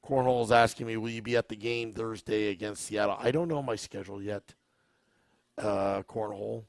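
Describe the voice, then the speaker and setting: Relaxed and unhurried, a man hosting a live-streamed podcast chats, reads comments from viewers, and poses questions to his audience. His lowish voice is creaky, scratchy and worn, captured in a dry, studio-quality recording.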